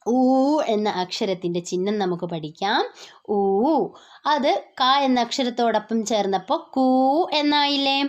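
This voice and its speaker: A woman teaching a beginners' lesson step by step, explaining patiently and often asking the learner questions. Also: a little high. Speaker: Hindi teacher. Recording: dull lo-fi sound.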